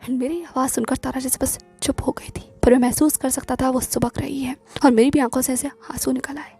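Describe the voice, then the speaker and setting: A woman narrating a romantic story in the first person in a soft, hushed, intimate way. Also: high-pitched, fairly even intonation, a little fast, breathy edge. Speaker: audiobook narrator. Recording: faint background music.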